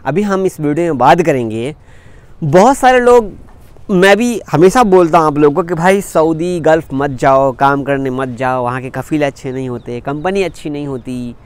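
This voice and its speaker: A man's voice: on the high side, normal speed, smooth, no room sound. Earnest young Indian man vlogging. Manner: earnest, repetitive advice to viewers. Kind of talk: direct-to-camera vlog talk.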